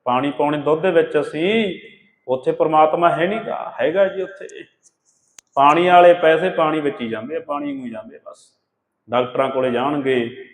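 A man giving a sermon on scripture, asking rhetorical questions and chanting verses slowly. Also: medium pitch. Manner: addresses listeners as beloved ones, rhetorical questions, chants scripture lines slowly. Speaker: katha preacher. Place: gurdwara hall. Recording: echoey hall with long reverb.

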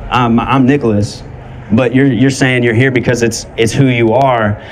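A young man street preaching outdoors on a handheld microphone, arguing haltingly and repeating his words. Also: medium pitch, steady tone, slight background noise, low-quality recording. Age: young adult. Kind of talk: street debate. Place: outdoor festival plaza.

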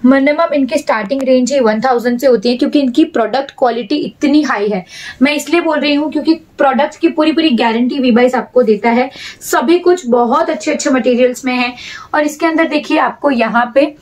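A woman's voice: high voice, fairly quick, darkish tone. A young Indian woman presenting clothing in a shop with a chatty, persuasive sales patter, repeating words for emphasis. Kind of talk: product showcase sales pitch. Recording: voice a bit far from the mic, music underneath.

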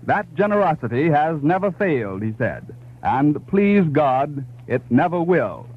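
An American male announcer reads a bulletin in formal 1930s newsreel narrator fashion. His voice sits on the high side. The sound is thin and narrow, like an old radio broadcast. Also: very animated, a little slow, husky. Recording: tinny, band-limited 1930s radio recording.

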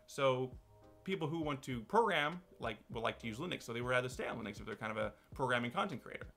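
Bright-voiced man rambling casually. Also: mid-range voice, animated, fast, faint music behind. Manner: rambling, loose, full of restarts. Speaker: channel host. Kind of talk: casual talk-to-camera commentary.

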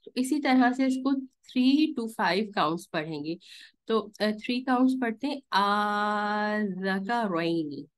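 Female online recitation teacher; unhurried, patient, keeps checking understanding over a call. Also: on the high side, animated. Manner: patient, explains step by step with frequent "theek hai" checks; stretches recited vowels to counted lengths. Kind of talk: live online class instruction.

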